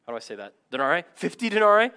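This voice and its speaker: A man in his thirties preaching a sermon as pastor, energetic and conversational, with asides and self-deprecating stories. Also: on the high side, normal speed.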